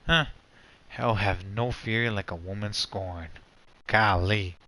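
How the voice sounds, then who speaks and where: A man's voice: on the low side, slow, sharp tone, a little hiss or hum. A man giving casual, rambling, slangy live commentary as a game streamer. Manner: rambling, slangy, repeats "pretty much".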